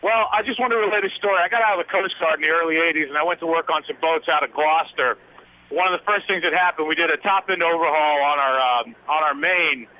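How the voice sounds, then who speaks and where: A middle-aged man calling in over a clipped phone line from a vehicle on the highway, telling a rambling story in a quick, chatty way. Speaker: caller. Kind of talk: call-in storytelling. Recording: tinny phone line with faint road noise.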